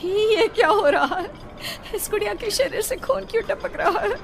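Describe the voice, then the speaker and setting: A woman's voice: extremely high pitch, expressive, moderate pace, vocal fry, heavily acted. A woman voicing a remorseful, pleading middle-aged mother in a dramatized moral horror story. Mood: frightened. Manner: tearful, pleading, self-justifying.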